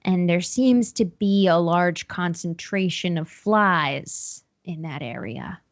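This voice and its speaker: A woman's voice: on the low side, slow, no room sound, dull audio. A woman running a tabletop horror game as game master, describing scenes with frequent ums and restarts.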